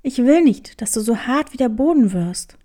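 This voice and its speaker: A woman's voice: a little high, expressive, moderate pace, warm tone, voice pushed down, natural voice. Woman doing an eager young boy hare. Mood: earnest, pleading. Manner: eager, earnest.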